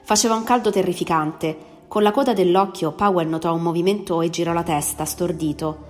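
A woman reading a story aloud, narrating in an expressive, steady way. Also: on the low side, brisk. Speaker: story reader. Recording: long reverb, faint music behind.

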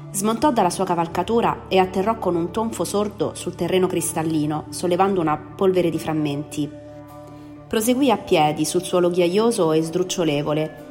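A woman reading a story aloud, narrating in an expressive, steady way. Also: fairly low pitch. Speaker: story reader. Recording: long reverb, faint music behind.

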